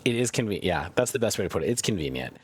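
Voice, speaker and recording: A man co-hosting a podcast, chatting casually in a thoughtful, measured way. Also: lowish voice, very animated, breathy edge, dry recording. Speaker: podcast co-host. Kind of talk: casual chat.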